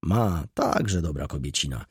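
A man's voice: extremely low pitch, sing-song, a little slow, vocal fry, breathy edge, no room sound, studio quality, full character voice. A man reading an audiobook, voicing a kindly, plain-spoken male building caretaker in a matter-of-fact way.

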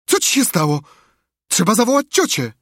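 In a storybook reading, a man voices a frightened young boy pleading in alarm, with a worried mood. He uses an exaggerated voice pitched above his own, high and a bit bright, with wildly swooping pitch at a moderate pace. The recording is dry and of studio quality.

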